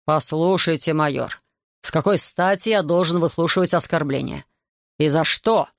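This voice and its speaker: A man's voice: fairly high pitch, normal speed, gravelly, fairly bright tone, dry recording, studio quality. A man reading the lines of an indignant male investigator who argues defensively and later turns weary and sympathetic. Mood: offended, defensive. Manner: offended, argumentative, later weary.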